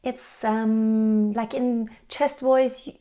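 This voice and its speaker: Speaking to camera, a woman gives vocal coaching tips, patiently explaining singing technique, answering a viewer's question and demonstrating by singing. Her voice is warm and fairly high with a steady tone, and she speaks very slowly.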